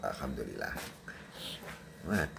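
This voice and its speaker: A man preaching a sermon, chatty and quick to laugh, often checking in with his audience and acting out the cries and prayers of a newborn. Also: rumbling low, big pitch swings, vocal fry, noisy background. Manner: acts out a newborn's crying and prayers. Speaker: Sufi preacher.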